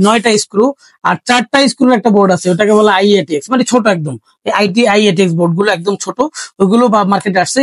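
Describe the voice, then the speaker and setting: A man's voice: sits high, no echo. A man casually walking through the parts of a gaming PC build, chatty and explaining as he goes, mixing in English tech terms. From Bangladesh. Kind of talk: casual hardware walkthrough.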